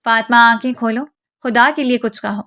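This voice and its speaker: A woman's voice: on the high side, fairly even intonation, a bit bright, no echo, studio quality. A woman reading a tender young man. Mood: pleading. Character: gentle protective young man, tender and anxious.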